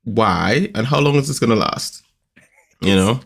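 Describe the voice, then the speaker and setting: A man's voice: medium pitch, animated, a little slow, gravelly, a bit bright. A man co-hosting a podcast, chatting casually and rambling with many fillers. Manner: rambling, leans on fillers like um and you know. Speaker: podcast co-host. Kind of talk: casual chat.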